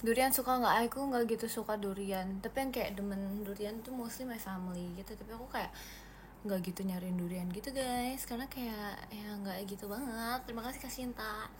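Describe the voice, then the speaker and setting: A seventeen-year-old Indonesian girl hosts a casual livestream, reading comments, chatting, and thanking viewers one at a time while mixing in English phrases. Her medium-pitched voice is fairly quick, with slight background noise.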